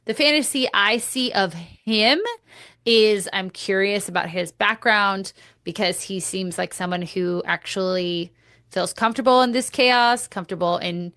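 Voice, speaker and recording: A woman's voice: medium pitch, unhurried, fairly bright tone, dry recording. A woman hosting a podcast, giving blunt, opinionated commentary with casual swearing, close to the mic. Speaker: podcast host.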